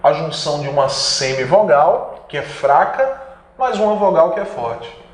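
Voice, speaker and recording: A man with a Brazilian Portuguese accent teaches an online grammar lesson for exam prep in an expressive, high-side voice, a little slow, in an echoey room. He is emphatic, stretches key words, and asks and answers his own questions.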